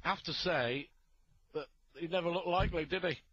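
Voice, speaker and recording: A man's voice: on the high side, a little fast, fairly bright tone, breathy edge, no room sound, dull audio. A man giving live darts commentary, offering opinionated analysis between throws.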